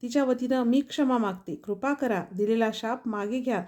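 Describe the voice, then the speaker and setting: A woman's voice: a little high, moderate pace, darkish tone, close to an everyday voice. A woman voicing a remorseful young princess begging forgiveness in a devotional story. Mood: imploring. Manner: imploring.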